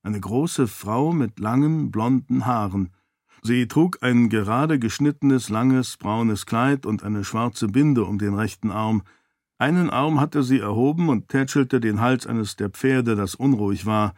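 A man reads an audiobook aloud in a steady, measured way, delivering scripted narration. His voice sits in the mid range, and the recording is dry and studio-clean.

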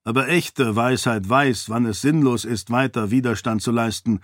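A man voicing a stern, cunning male warrior priest with a slight foreign accent, speaking calmly and condescendingly. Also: mid-range voice, dry recording, studio quality, natural voice. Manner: calm, measured, condescending.

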